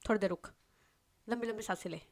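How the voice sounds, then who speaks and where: A woman voicing a calm young woman who comforts a friend softly and slowly. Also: mid-range voice, voice pushed down, lightly acted. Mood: soothing. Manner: soft, slow and calming.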